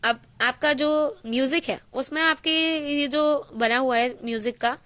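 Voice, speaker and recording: A woman teaching a science class online, explaining in Hindi mixed with English terms, asking and answering her own questions and reading definitions out slowly. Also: high voice, sharp tone.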